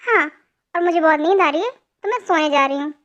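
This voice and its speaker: A woman's voice: very high-pitched, animated, brisk, fairly bright tone, highs cut off. A young woman voicing a spoiled, homesick young bride who bickers and sulks, in a spoken fan storybook. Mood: sulky. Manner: sulky, bickering.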